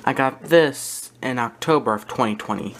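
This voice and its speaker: A man with a mid-range voice, speaking at a moderate pace, hosts a casual, unscripted show-and-tell video about his hobby collection, talking hesitantly with trailing asides. He's in a small indoor room with wooden shelves, picked up by the built-in mic of a handheld camera he holds from behind. The audio is noisy, with faint room noise.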